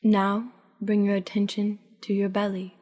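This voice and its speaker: This calm sleep meditation is narrated story-style by a woman at medium pitch, gentle and slow, her phrase endings breathy. Her voice carries a long, reverberant tail.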